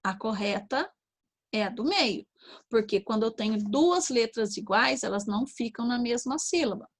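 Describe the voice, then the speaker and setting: A Brazilian Portuguese-speaking woman teaching young children, slowly sounding out syllables and checking in often. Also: on the high side, lively intonation. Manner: slow, sounding out syllables, frequent "tá?" and "ó". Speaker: primary school teacher. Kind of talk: online lesson to young children.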